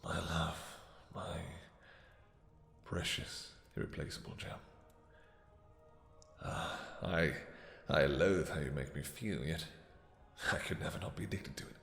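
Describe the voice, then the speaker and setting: A man acts out a regal, brooding vampire king in an intimate fantasy audio drama. His deep voice has a heavy gravelly creak and slips into breathy murmurs. He is possessive and lovesick, commanding in old-fashioned, formal words. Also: fairly bright tone, reverberant, big-room sound, exaggerated voice. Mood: possessive, tender. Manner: formal, archaic, halting endearments, commanding.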